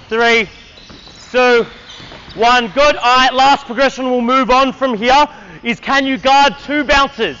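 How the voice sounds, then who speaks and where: A man's voice: very high-pitched, sharp tone, dull audio, slight background noise. A man coaching a basketball clinic on an indoor court, energetically calling out drills and counting down for players.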